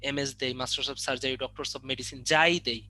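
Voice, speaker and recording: A man's voice: mid-range voice, steady tone, measured pace, pushed and bright, slight background noise. A young man teaching a biology exam-prep lesson online, drilling questions and teasing students with mock threats. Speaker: biology tutor.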